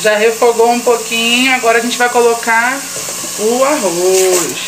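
A Brazilian woman hosting a casual cooking vlog in her home kitchen, chatting warmly with her viewers as she cooks. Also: on the high side, fairly even intonation, measured pace. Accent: Brazilian Portuguese. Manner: affectionate, chatty, addresses viewers as "minha gente". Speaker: vlogger. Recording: noisy home kitchen audio. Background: frying and sizzling in the kitchen.

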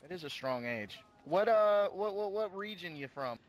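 A man's voice: high voice, expressive, normal speed. A man cracking crude jokes with other players over game voice chat. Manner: crude joking banter.

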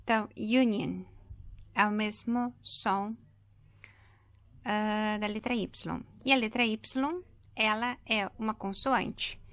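Woman, thirties, English teacher, repeats example words, unhurried, close dry recording. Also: mid-range voice, fairly even intonation, fairly bright tone, no echo. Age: 30s. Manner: slow and patient, repeats example words for drilling. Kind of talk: explaining an English grammar lesson.

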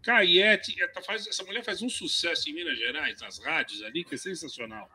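A man hosting a casual live stream on a video call, reading out viewer comments and excitedly hyping a lineup. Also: fairly high pitch, moderate pace. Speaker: host. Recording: crowd noise behind the voice.

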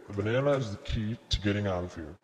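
A man voicing a mocking tape recorder villain with slow, theatrical menace in an amateur horror parody. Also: on the low side, lightly acted. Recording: long hall reverb, faint noise.

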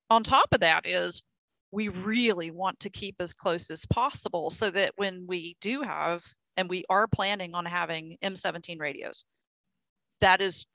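A woman's voice: lowish voice, pushed and bright, no echo. A woman explaining technical points on a video call, thinking aloud with frequent restarts and fillers. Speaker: project engineer in a technical meeting. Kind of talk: casual technical discussion.

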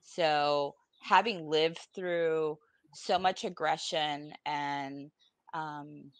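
Joining a video-call panel from home, this podcast guest, a woman in her forties from Puerto Rico, speaks bluntly and saltily in an informal, candid personal conversation. She's worn out and emotionally drained, drawing out her words in a low, steady voice on a dry recording.

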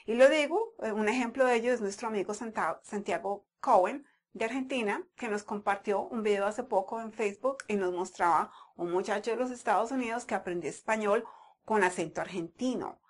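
A woman's voice: mid-range voice, brisk. A woman from Medellín with a paisa Colombian accent, explaining a language topic in a conversational way and sometimes repeating words as she thinks. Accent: Colombian Spanish, Medellín (paisa). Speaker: language teacher. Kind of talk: talking to camera, explaining. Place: United States.

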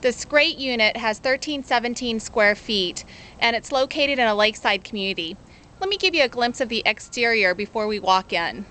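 Woman, 30s, real estate agent, upbeat home tour, bright tone, handheld camera mic. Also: fairly high pitch, animated, normal speed, slight background noise. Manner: upbeat, pointing things out room by room. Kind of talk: walkthrough narration of a rental tour. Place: outdoors at a front door, then walking through an empty condo.

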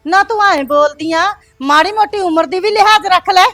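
A woman's voice: fairly high pitch, a little fast, a little mellow, dry recording, natural voice. A woman acting as an older village mother, coaxing her son and calling him "son" at every turn. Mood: shrill, scolding. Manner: coaxing, repeating "son" often. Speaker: actor in a short film.

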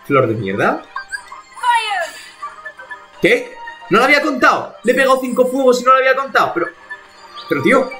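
A man's voice: very high voice, big pitch swings, brisk, pauses often, music in the background. A man from streaming a video game live, talking to himself in exasperated bursts and swearing as he plays. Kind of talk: live gameplay commentary.

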